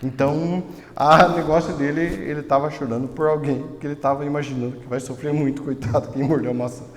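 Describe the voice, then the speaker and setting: A man with a Brazilian Portuguese accent preaching a sermon as pastor, moving between soft storytelling and loud, emotional preaching. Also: a little high, fairly even intonation, a little fast, a little hiss or hum. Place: church hall. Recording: echoey hall with long reverb.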